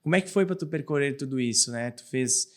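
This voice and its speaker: A man's voice: mid-range voice, fast talker. A man hosting a podcast, asking long, rambling questions full of fillers. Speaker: podcast host. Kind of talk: casual podcast interview.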